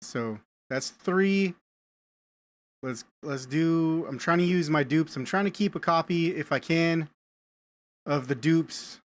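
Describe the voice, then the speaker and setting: Chatty man streaming a game, slightly high voice. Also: slow. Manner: rambling, repeats words, chats with viewers. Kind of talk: casual live-stream chat while gaming.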